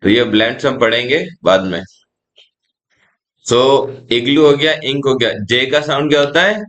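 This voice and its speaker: A young man with an Indian English accent teaching phonics in a classroom style, spelling out letters and sounds slowly and calling his learners "beta". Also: mid-range voice, fairly bright tone.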